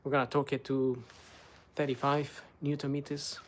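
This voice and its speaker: Speaking at a moderate pace in a mid-range voice, a middle-aged Spanish-first-language man works on a car and explains each step casually. This car maintenance vlogger is relaxed and chatty, talking to his live chat. Slight background noise is audible.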